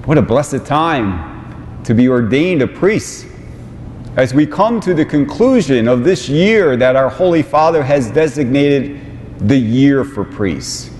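A man in his forties, a bishop giving an ordination homily in a large cathedral, speaking in a slow, measured way through a lapel mic. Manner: slow, measured delivery with warm asides. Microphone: small lapel mic on vestments. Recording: long cathedral reverb, faint rumble.

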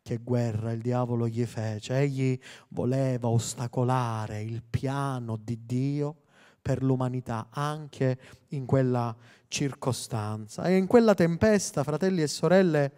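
A man in his thirties, a pastor preaching a sermon into a handheld mic, with fervent delivery that builds to loud emphatic peaks. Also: mid-range voice, unhurried, clear, resonant tone. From Sicily, Italy. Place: church hall. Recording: long hall reverb.

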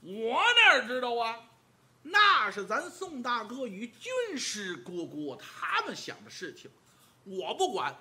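A man's voice: very high voice, huge pitch swings, slow, sharp tone, exaggerated voice. A man voicing a brash, hot-tempered, burly outlaw warrior who talks bluntly and boastfully. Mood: gruff.

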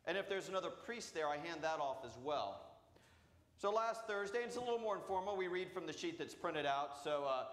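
A man, a priest, preaching a storytelling sermon in a booming voice. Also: lively intonation, fairly quick, a bit bright. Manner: acts out voices in quoted dialogue. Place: church sanctuary. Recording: roomy church reverb.

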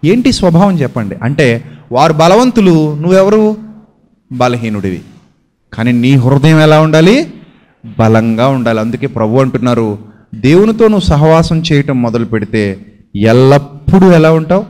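A man preaching a sermon, asking his listeners questions and answering them himself with homely everyday examples. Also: very animated. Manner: swings between a low, quiet voice and raised, drawn-out emphatic lines.

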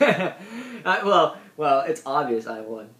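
A man's voice: a little high, sing-song, slow, fairly bright tone. A man in his twenties chatting casually as the host of a homemade video. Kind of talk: casual chat. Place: small room indoors. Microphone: tablet at arm's length. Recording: roomy echo, noisy tablet microphone.

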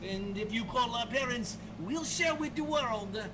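A man's voice: very high-pitched, expressive, measured pace, sharp tone, a little hiss or hum, heavily acted, rough recording. A man voicing a goofy, menacing puppet boy. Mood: threatening. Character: sinister, mischievous Russian puppet boy bully. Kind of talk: puppet show parody.

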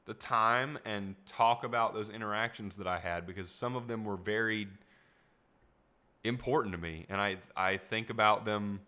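A young man hosts a casual solo podcast from a small room at home, speaking into a studio mic in front of him. His voice sits on the low side and sounds sharp, moving at a moderate pace, though it is getting a little tired. He rambles reflectively, with plenty of filler words.

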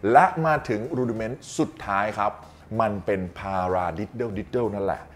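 A man teaching drums in a casual video lesson, talking in a friendly, chatty way with polite particles and bursts of excitement. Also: lowish voice, a little slow, slight background noise. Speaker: drum teacher.

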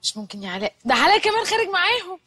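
An actress playing a bossy, irritable young wife in a film comedy, with an Egyptian Arabic accent and a snappy, complaining way of talking. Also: female voice, very high voice, sing-song, racing, bright, forceful tone, full character voice.

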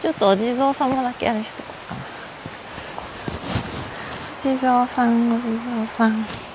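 Recorded on a body cam, this casual solo hiking vlog features a middle-aged Japanese woman talking to herself while climbing a mountain trail outdoors. Her chatty voice sits on the high side, with fairly even intonation and a slightly slow pace, against a noisy background.

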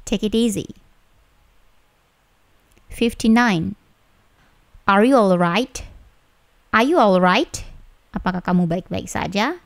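A woman with an Indonesian accent teaching English phrases, saying each one slowly and repeating it before translating. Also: mid-range voice, no room sound. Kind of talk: slow bilingual phrase lesson.

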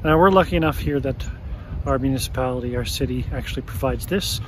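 Talking fast at a medium pitch, a thirtysomething man shows off his garden outdoors on snowy rural land, filming on a phone held at arm's length. He lays out his plans in a casual, plain, practical way over heavy wind and outdoor noise.

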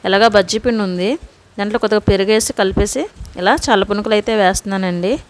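A woman's voice: medium pitch, quick pace, a little hiss or hum. A woman in her thirties, a home vlogger and mother, patiently coaxing her child through homework and chatting to viewers while she cooks. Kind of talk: casual home vlog chat. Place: home kitchen.

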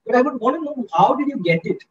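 Brief: high-pitched man leading a student workshop, upbeat and coaxing, muffled lo-fi call audio. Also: animated, fast, slightly rough. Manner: upbeat, coaxing, keeps asking the audience. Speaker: guest speaker in a student workshop. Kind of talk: interactive online lecture.

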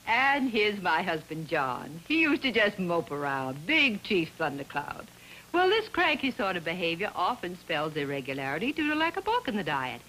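An American actress playing a chatty, wry middle-aged homemaker in a 1950s TV broadcast commercial. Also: female voice, medium pitch, a bit bright, poor audio. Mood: wry, teasing. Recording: faintly hissy old TV soundtrack.

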